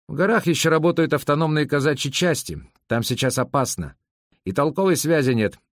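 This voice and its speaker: A man's voice: a little high, lively intonation, a little fast, dry recording, voice pushed up, lightly acted. A man reading a young, eager army officer, his voice lifted well above the narration. He stays courteous and correct, explaining in stiff, formal sentences. The audiobook sound is dry and close.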